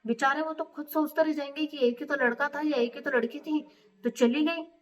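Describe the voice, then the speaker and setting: A woman's voice: high voice, steady tone, brisk, far from the mic. A young woman with a Marwari accent tells her own story as a candid, chatty motivational talk, slipping English phrases in. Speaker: motivational speaker.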